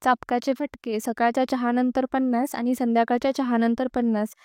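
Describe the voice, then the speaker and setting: A stern young woman reels off legal sections as threats, voiced by a woman reading a story recap. The delivery stays flat and steady, with a smooth, mellow, slightly high voice. The sound is dry and close. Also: fairly quick, no room sound, natural voice. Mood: threatening. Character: stern young woman lecturing about the law.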